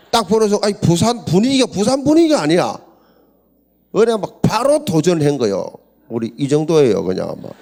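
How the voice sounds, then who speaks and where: Older man, Busan accent, slightly high voice, animated storytelling pastor. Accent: Gyeongsang (Busan). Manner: animated storytelling, acts out quoted voices, laughs often. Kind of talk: humorous seminar talk.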